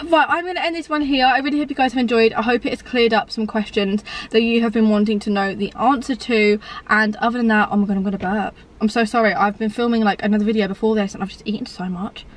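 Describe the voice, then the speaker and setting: A woman's voice: mid-range voice, far from the mic. An eighteen-year-old woman chatting casually to camera as a vlogger, with lots of "like". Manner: chatty, filler-heavy, lots of "like". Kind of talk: casual mukbang chat to camera.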